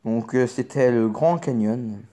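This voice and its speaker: A man's voice: mid-range voice, unhurried, dark tone. A man co-hosting in casual chat, commenting on clips in a hesitant way. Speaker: co-host.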